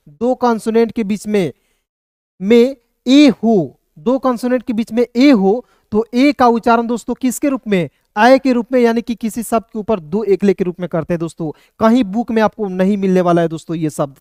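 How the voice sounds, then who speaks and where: A man's voice: high-pitched, a little mellow, clear, resonant tone, dry recording, clean studio sound. A man teaching a casual spoken lesson, constantly calling listeners friends, asking and answering his own questions, and checking often that they understood. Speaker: English teacher.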